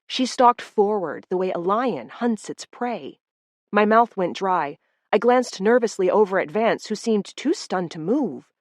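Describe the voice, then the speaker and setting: A woman narrating a first-person audiobook in a steady, expressive storytelling voice. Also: mid-range voice, a little slow, dry recording, studio quality.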